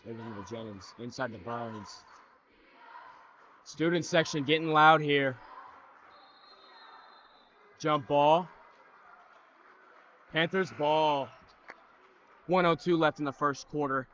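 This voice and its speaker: Teen guy calling hs hoops, bright tense voice, kinda high, dull lo-fi stream w faint gym noise. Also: slow pace, pauses often. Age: teens. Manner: excitable, breaks into loud cheering. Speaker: student play-by-play announcer. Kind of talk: high school basketball play-by-play.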